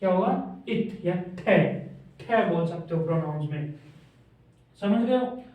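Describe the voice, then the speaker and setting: High-voiced guy teaching at a board, checks if you got it, super echoey room. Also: lively intonation, a little slow, far from the mic, dull audio. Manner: repeats each point with check questions. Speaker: shorthand teacher. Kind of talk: classroom lesson at a whiteboard. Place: classroom with a board. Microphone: camera's mic from across the room.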